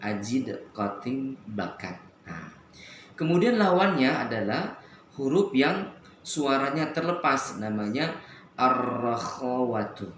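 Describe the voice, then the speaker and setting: A man teaching Quran recitation on the radio, slowly drawing out Arabic letter sounds as he demonstrates them. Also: medium pitch, sing-song, echoey room, slight background noise. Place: radio studio.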